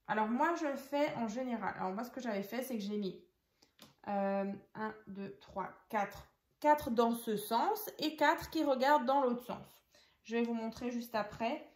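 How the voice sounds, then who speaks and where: A woman's voice: fairly high pitch, a little slow. A woman hosting a casual craft tutorial, chatting and thinking aloud as she works and counts out pieces. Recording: echoey room.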